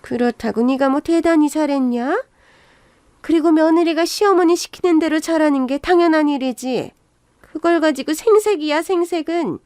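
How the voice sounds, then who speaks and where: Pushing her natural voice up to a high pitch, a woman scolds as an older, bossy mother-in-law, scornful and nagging, for a radio story reading. The tone is darkish, the pace moderate, and the studio sound clean with no room noise.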